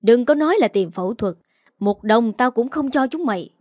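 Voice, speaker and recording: A woman's voice: fairly high pitch, lively intonation, moderate pace, darkish tone, no room sound, clean studio sound. A woman voicing a scornful, harsh old grandmother in a read-aloud story. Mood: contemptuous. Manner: sneering, scolding.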